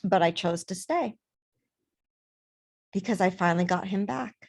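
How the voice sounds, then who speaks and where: A woman's voice: medium pitch, unhurried, vocal fry. A woman life coach talking casually to camera in her vlog, emphatic and repeating words for stress.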